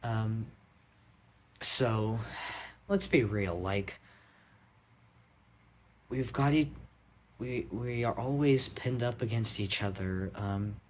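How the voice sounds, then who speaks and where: A man's voice: lowish voice, slow pace, pauses often, darkish tone, slight background noise. A young man from the United States giving a rambling, blunt opinion monologue, full of fillers and restarts. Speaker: vlogger.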